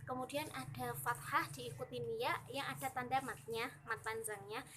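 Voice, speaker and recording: A young woman with an Indonesian accent explaining Quran recitation rules in a casual, chatty way, slowly chanting the example verses. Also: a little high, fairly even intonation, fairly bright tone, a little hiss or hum. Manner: chatty explaining, frequent "gitu" and fillers, slow drawn-out recitation of examples. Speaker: student teaching Quran recitation.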